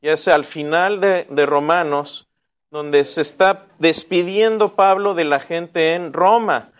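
High-voiced man teaching a Bible class. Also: slow. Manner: asks the class questions and answers them himself; casual, with restarts and asides. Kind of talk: interactive Bible lesson.

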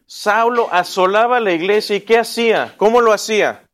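A man's voice: sits high, moderate pace, a bit bright. A man teaching an interactive Bible lesson, asking the class questions and answering them himself in a casual way. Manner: casual, with restarts and asides.

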